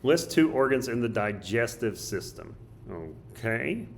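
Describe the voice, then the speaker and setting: A male teacher with a hoarse, choked-up voice, casually thinking aloud as he walks through a study guide. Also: medium pitch, sing-song, measured pace, a little hiss or hum. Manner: casual, thinks aloud while drawing and writing. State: hoarse, coughing. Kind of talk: recorded study guide walkthrough.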